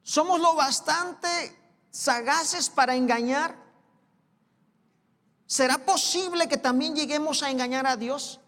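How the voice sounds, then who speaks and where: A man preaching a sermon as pastor, asking slow rhetorical questions of the congregation. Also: very high-pitched, bright, forceful tone. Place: church sanctuary. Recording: long hall reverb, live church recording.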